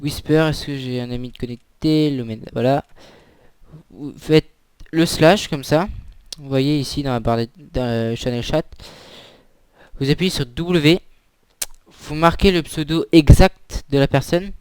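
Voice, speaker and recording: A young man giving a casual, halting tutorial on a shooter game while he plays, with many fillers. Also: on the high side, darkish tone, smooth, dry recording. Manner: hesitant, many fillers, talks while playing. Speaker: gaming video creator. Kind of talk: casual gameplay tutorial commentary.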